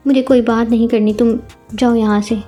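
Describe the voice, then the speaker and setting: Woman reading a proud hurt young bride, slightly high voice, flat, storybook reading. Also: normal speed, faint music behind, natural voice. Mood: angry, hurt.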